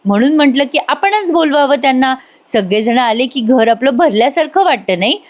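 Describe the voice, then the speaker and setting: Gentle young wife, woman reader, soft, soothing. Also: sits high, animated, moderate pace, pitched above the performer's own voice.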